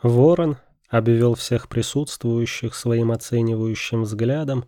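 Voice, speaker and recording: A man narrating an audiobook thriller in a calm, even storytelling manner. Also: mid-range voice, a little slow, no room sound, studio quality.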